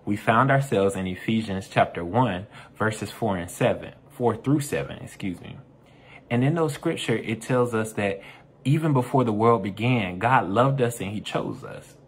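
A man's voice: lowish voice, moderate pace, a little hiss or hum. A man serving as youth minister, leading an upbeat Bible lesson for young people and asking them questions as he teaches. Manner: upbeat, addresses kids directly with call-and-response questions.

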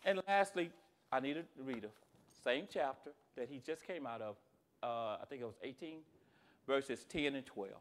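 A man teaching a church Bible class, animated and joking, dropping to quiet asides and rising to shouts. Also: medium pitch, moderate pace.

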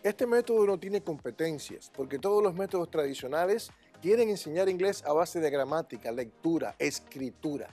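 Hombre enfático enseñando pronunciación inglesa. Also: male voice, a little high, expressive, moderate pace, few pauses, mellow, soft background music. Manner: emphatic, opinionated, demonstrates English intonation. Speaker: English teacher and school director. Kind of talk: interview answers.

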